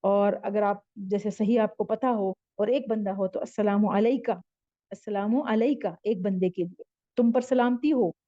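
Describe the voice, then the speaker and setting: A woman teaching Arabic grammar in a slow spoken lesson, patiently repeating each word form with its meaning. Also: mid-range voice, fairly even intonation, dark tone, dry recording, muffled recording.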